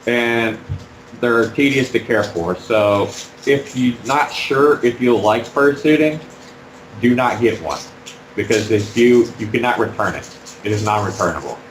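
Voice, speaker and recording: A man being interviewed about fursuiting while wearing a fursuit head, talking in a halting, rambling way with many fillers. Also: mid-range voice, reverberant, slight background noise, poor audio. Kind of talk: casual interview.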